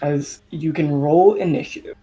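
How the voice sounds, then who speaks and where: A man's voice: on the high side, steady tone, moderate pace, warm tone, soft background music, rough recording. A man working as game master, narrating a tabletop role-playing game as he improvises.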